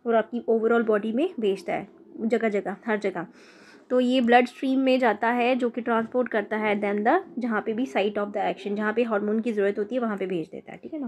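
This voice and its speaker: A woman's voice: fairly high pitch, a little hiss or hum. A young woman teaching chemistry in a casual lecture, repeating terms and spelling them out letter by letter. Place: sitting downstairs with traffic outside.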